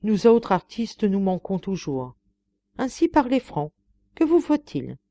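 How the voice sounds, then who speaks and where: A woman's voice: medium pitch, big pitch swings, unhurried, mellow. A woman voicing a commanding grand tragedienne.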